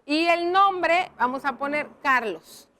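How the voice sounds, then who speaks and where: Woman teacher, high pitch, slow explanatory delivery for young pupils. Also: sharp tone. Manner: slow, explaining step by step, addressing children. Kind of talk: classroom lesson.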